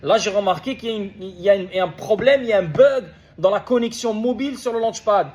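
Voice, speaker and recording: A man's voice: sits high, fast talker, darkish tone, lo-fi sound. A man speaking to his followers in a heated, rambling monologue, swearing and repeating himself. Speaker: crypto project founder.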